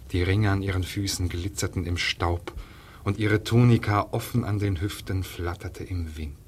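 A man with a deep, low voice narrates a literary monologue in the first person. His delivery is solemn, measured and dramatic, and at times it falls to a hush. A faint hiss sits beneath the reading.

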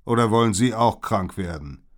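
A man's voice: fairly low pitch, expressive, normal speed, pitched above the performer's own voice, close to an everyday voice. A man voicing a menacing, lying animal catcher in a storybook.

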